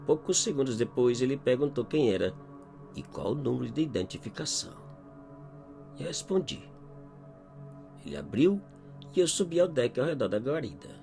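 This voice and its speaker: A man with a Brazilian Portuguese accent narrates a scripted first-person horror story in a measured, dramatic way. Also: mid-range voice, big pitch swings, vocal fry, mellow. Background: background music.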